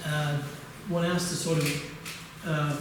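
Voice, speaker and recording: An older man from England delivers a halting academic lecture, full of restarts and filler sounds. His voice sits a little high for a man. He is recorded from well back in a very echoey conference hall with steady background noise. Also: distant mic. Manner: hesitant, many uhs and restarts. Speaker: keynote lecturer.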